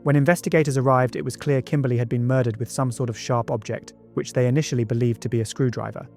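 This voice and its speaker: Over a music bed, a man narrates a true-crime documentary from a script, dropping in conversational asides. His voice is medium in pitch and a little mellow, and he talks fast in a steady tone.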